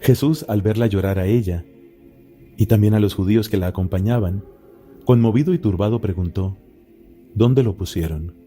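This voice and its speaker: A friar reads scripture in a low, deeply mellow voice with no edge at all. His delivery is solemn, measured and unhurried, with steady pauses between phrases. Faint Gregorian chant plays softly behind him. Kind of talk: solemn Bible reading. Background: faint Gregorian chant music.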